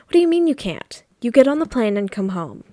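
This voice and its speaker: A woman reading the lines of a bossy, controlling wealthy mother in a story game, briskly and commandingly. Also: a little high, big pitch swings, dark tone, no echo, clean studio sound. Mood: stern.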